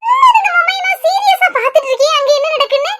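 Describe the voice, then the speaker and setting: A young, distracted daughter-in-law, played by a woman in a homemade family skit, calling out in a very high, piercing voice. Loud noise clatters behind her. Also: expressive, fast.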